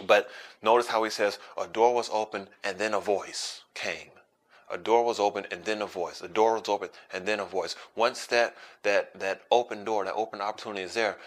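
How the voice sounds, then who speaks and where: A man preaching a sermon as pastor, emphatic and repeating phrases for stress, sometimes dropping to a hush. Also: on the low side.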